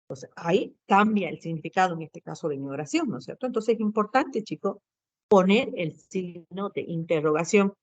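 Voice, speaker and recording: Her voice is fairly low with lively intonation and a moderate pace as she patiently walks students through Spanish grammar. Short tag questions pepper her speech, and she often answers her own questions. The sound is dry, dull and lo-fi.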